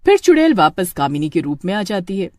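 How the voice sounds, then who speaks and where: A woman narrating a horror story in an expressive, storytelling way. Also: on the low side, a little fast, no room sound, studio quality.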